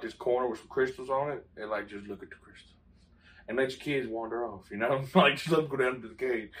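A man's voice: medium pitch, distant mic. Joking man, a bit off-mic. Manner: joking, laughs often, acts out family dialogue. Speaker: podcast host. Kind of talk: casual podcast chat.

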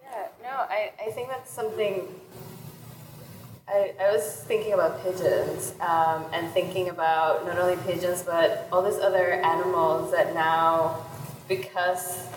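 Woman, Puerto Rican accent, thoughtful halting conversation, echoey room, noisy background. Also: lowish voice, steady tone. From Puerto Rico. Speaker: panelist, anthropologist. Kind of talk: thoughtful conversational panel discussion. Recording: echoey reverberant room with clear background noise.

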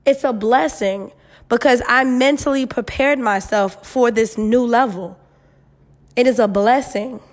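A woman's voice: on the high side, measured pace. A woman in her twenties chatting frankly and sassily as host of an advice show, swearing freely, with a digital echo from an empty room. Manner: blunt, sassy, heavy swearing, emphatic. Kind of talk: casual solo chat with advice, frank and slangy. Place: new, mostly empty apartment. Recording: echoey near-empty apartment room.

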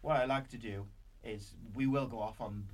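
A man's voice: mid-range voice, normal speed. A man with a Welsh accent hosting a podcast in a casual, rambling, informal way. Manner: informal, rambling, frequent filler 'like'. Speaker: podcast host. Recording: clear background noise.

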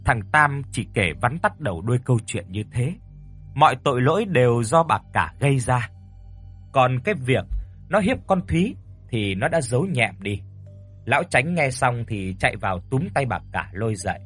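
Husky man narrating a ghost story. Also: mid-range voice, normal speed, faint music behind. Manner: dramatic, lively storytelling.

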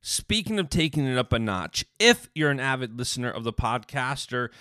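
A man's voice: mid-range voice, sing-song, moderate pace, sharp tone, no echo, studio quality. A man hosting a podcast in a conversational way. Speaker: podcast host.

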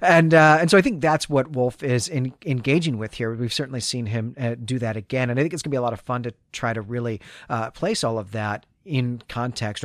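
A man hosts a literary podcast, discussing and recapping fiction in discursive, scholarly phrasing broken up by colloquial asides. His voice is mid-range and the recording is dry.

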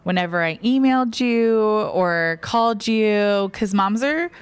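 Female co-host, casual storyteller, giggly and informal, clear smooth tone, dry sound. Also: mid-range voice, expressive, a little slow, dry recording. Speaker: podcast co-host.

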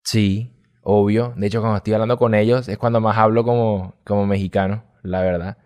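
A young Venezuelan man with a fairly low voice chats as an interview guest. He tells stories in a loose, slangy way, full of casual asides. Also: steady tone, a little fast, a little mellow. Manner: chatty, storytelling, slangy. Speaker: guest, gamer youtuber.

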